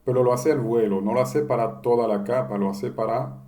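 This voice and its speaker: A man giving a step-by-step software lesson, posing questions and answering them himself. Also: medium pitch, fairly quick, slight background noise. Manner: explains step by step, asking and answering his own questions. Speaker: instructor. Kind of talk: screen-recorded software tutorial.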